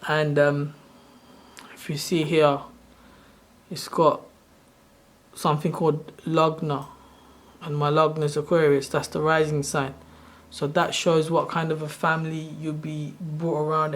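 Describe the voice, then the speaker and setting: A man's voice: fairly high pitch, completely flat delivery, unhurried. Rambling man in his thirties explaining. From Sri Lanka. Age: 30s. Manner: loose, rambling explanation with self-corrections. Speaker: channel host. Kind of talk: casual screen-share tutorial.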